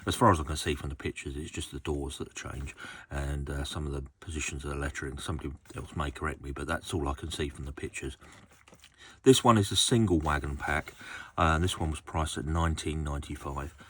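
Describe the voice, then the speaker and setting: A man speaks in a notably low voice with an Essex accent. He presents in a casual, chatty unboxing style, pausing and thinking aloud as he goes. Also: fairly even intonation, a bit bright, breathy edge. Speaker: host of a model railway channel.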